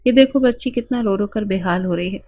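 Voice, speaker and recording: A woman's voice: medium pitch, a little mellow, no room sound, close to an everyday voice. Bossy old auntie scolding everyone, woman narrator doing her, dry recording. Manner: scolding, commanding. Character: bossy elderly woman, kindly but sharp-tongued.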